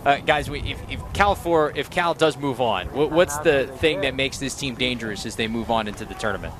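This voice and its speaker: A man calling play-by-play at an outdoor lacrosse game, brisk and self-mocking. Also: mid-range voice. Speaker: play-by-play commentator. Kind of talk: live sports commentary. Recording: loud crowd and field noise.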